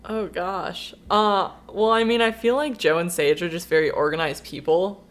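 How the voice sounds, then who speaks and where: A woman's voice: lowish voice, fairly even intonation, normal speed. Woman guest chatting easily. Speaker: podcast guest. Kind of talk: casual chat.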